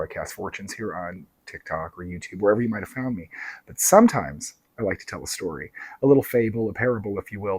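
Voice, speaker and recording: A man's voice: fairly low pitch, husky, no room sound. A man who reads tarot telling a fable in a casual, conversational way, often tossing in "right?". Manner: conversational, tag questions, addresses listeners as dark and lovely souls. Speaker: tarot reader and storyteller. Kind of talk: casual storytelling to followers.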